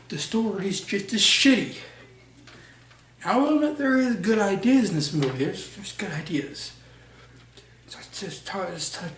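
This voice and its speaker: A young man giving a casual movie review, blunt and profane, often restarting his sentences. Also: sits high. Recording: roomy echo, voice far from mic, faint noise.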